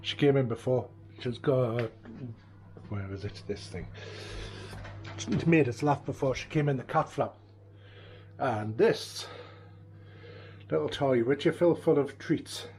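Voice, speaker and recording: A man's voice: mid-range voice, measured pace, pauses often, a little mellow, soft background music. A middle-aged man, chatting casually in a home video diary and often trailing off mid-sentence. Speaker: vlogger. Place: living room at home.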